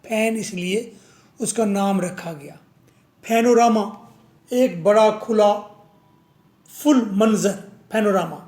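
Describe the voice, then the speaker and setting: A man's voice: sits high, slow pace, long pauses, darkish tone. A man teaching a vocabulary lesson, drilling words over and over and answering his own questions.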